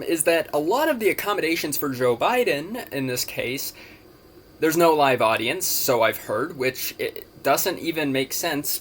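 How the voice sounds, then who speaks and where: A man giving blunt, emphatic political commentary in an exasperated, somewhat halting way, like a vlogger talking to camera. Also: medium pitch, a bit bright. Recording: noticeable background noise, home-recorded.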